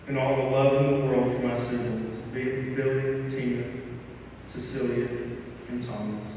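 At a lectern in a church sanctuary, an emotional son gives a eulogy, first reading a memorial poem and then speaking personally, halting and trailing off at the ends of lines. His mid-range, slightly mellow male voice comes through the lectern mic but is captured by a distant camera, echoing through the hall with a little hiss or hum.

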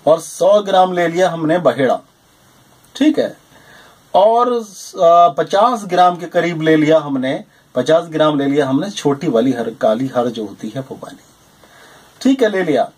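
A man's voice: on the high side, a little slow, breathy edge. Emphatic man presenting a home remedy. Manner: animated and emphatic, with repeated "jī hāṃ" and "ṭhīk hai". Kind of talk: explaining a home remedy to viewers. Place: small indoor room lined with shelves of medicine bottles.

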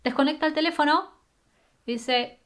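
A woman's voice: sits high, fairly bright tone. Young Argentine woman, chatty storyteller. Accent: Argentine Spanish. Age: young adult. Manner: conversational, brisk, with filler "eh" and "¿no?". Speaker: true crime vlogger. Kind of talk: casual storytelling while doing makeup. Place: small bedroom indoors. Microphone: webcam or camera at desk distance.

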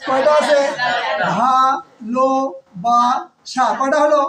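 A male teacher giving an exam-prep grammar lesson. He asks his students questions, answers them himself, and repeats words slowly, stretching out each syllable. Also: very high voice, a crowd in the background, poor audio.

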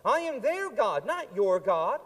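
A man's voice: high voice, big pitch swings, unhurried, fairly bright tone, full character voice. A male pastor voicing a stern teacher who firmly refuses a plea, in a sermon. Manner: stern, firm. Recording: long church hall reverb.

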